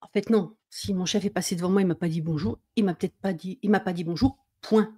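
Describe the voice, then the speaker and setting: A woman's voice: fairly low pitch, fast talker, mellow, breathy edge. A middle-aged woman, a mindset coach, explains in a conversational teaching style, often checking in with "d'accord?" and acting out inner worries.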